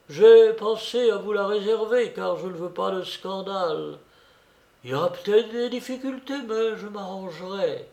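A man voicing a frail old bishop, soft and halting. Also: high-pitched, gravelly, pitched above the performer's own voice, heavily acted. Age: older. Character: frail elderly male bishop, gentle and sorrowful. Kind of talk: storybook reading. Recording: roomy, echoey recording.

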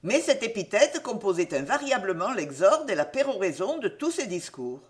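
A woman narrating a classic novel in an expressive storytelling voice. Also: mid-range voice, moderate pace.

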